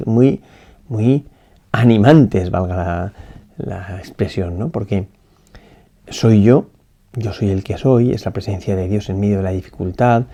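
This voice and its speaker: A priest's fairly low, mellow voice, dark and slightly gravelly, carries a slow spoken meditation on a gospel passage. He sounds as though he's reasoning aloud, restarting phrases and frequently adding a questioning tag to check in.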